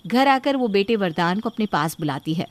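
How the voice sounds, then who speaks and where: A woman narrating a family story in a calm storytelling tone. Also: medium pitch, normal speed. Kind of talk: scripted narration.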